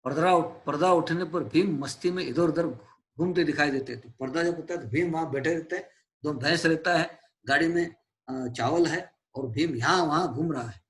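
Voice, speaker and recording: Hindi teacher explaining a play. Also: male voice, on the high side, normal speed, fairly bright tone. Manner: retells stage directions, glosses words in English.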